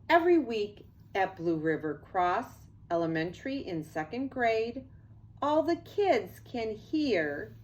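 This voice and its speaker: With a medium-pitched voice, an older grandmother, 60s or beyond, shares a picture book with young kids. She takes her time, reads expressively, and drops in offhand asides.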